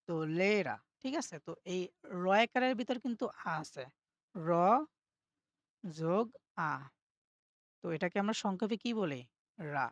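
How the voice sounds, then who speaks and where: A woman's voice: medium pitch, no echo. A woman teaching German pronunciation in a self-study class, explaining each rule step by step and often checking that listeners follow.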